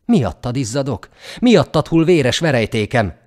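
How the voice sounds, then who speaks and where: A man's voice: sits low, expressive, darkish tone. A man voicing a strong, proud young peasant in a storybook tale, lamenting earnestly. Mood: anguished.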